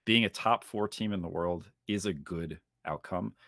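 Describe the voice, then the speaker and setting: A young man hosting a casual esports podcast, talking fast and joking around. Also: sits low, dry recording, studio quality. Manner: energetic, jokey, fast-talking. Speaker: podcast host.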